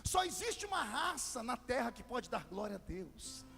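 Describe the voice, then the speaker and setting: Brazilian preacher, very high gravelly voice, storytelling into loud crescendos, big reverberant hall, faint music behind. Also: male voice, sing-song, moderate pace. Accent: Brazilian Portuguese. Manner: storytelling with sudden shouted crescendos. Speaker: pastor. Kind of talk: Pentecostal sermon. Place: large church hall.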